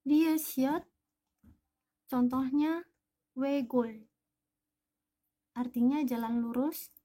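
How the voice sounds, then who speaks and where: Woman teacher, high voice, slow pace, mellow tone, patient explanations. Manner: patient, spells out each example word. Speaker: Korean language teacher.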